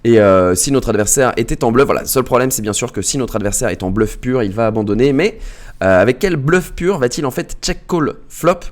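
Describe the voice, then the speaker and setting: A man hosting a poker replay show, commenting hands in a lively, chatty way and addressing viewers directly. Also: medium pitch.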